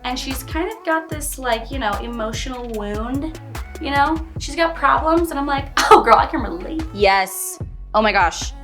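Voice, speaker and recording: Lively chatty woman in her twenties. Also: high voice, measured pace, soft background music. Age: 20s. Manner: chatty, filler-heavy, giggly. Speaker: reality show contestant. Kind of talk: confessional interview.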